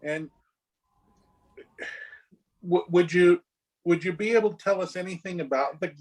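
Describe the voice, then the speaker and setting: A man with a high voice plays a tabletop role-playing game, hesitating and stammering in character as he talks a little slowly. The audio quality is poor.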